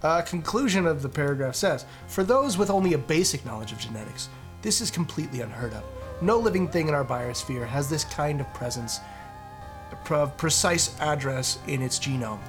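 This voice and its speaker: A man's voice: a little high, animated, normal speed, music in the background. A man hosting a casual podcast, reading a post aloud with sarcastic asides and frequent laughter.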